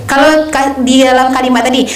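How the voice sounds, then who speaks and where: A high-pitched young woman explains speech technique in a halting, filler-heavy way. Her voice rings in an echoey room. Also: level tone. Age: young adult. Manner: hesitant, many fillers, explains with examples. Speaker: speech contest coach. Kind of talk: conversational lesson.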